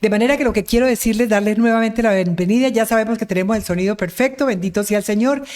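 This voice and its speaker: A woman's voice: medium pitch, fast, darkish tone. Effusive woman hosting an interview. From Colombia. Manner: effusive, praising, religious phrases. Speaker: interview host. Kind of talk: warm online interview.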